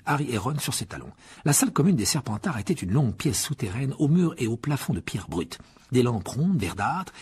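A man reading a children's novel aloud as narrator, in a measured, steady manner with a raspy voice. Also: medium pitch. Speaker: audiobook narrator. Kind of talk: scripted storybook narration.

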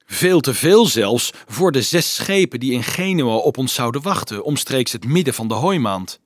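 A man's voice: mid-range voice, lively intonation, moderate pace, no room sound, clean studio sound, natural voice. A man reading a remorseful middle-aged male swindler who pleads and confesses in an earnest, guilt-ridden way. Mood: confessing. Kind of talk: audiobook character voice.

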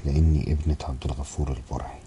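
A man reading the lines of a young female student in an audiobook, soft and measured with a sighing manner. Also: extremely low pitch, fairly even intonation, slight background noise. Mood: resigned. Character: young woman student, quietly resigned.

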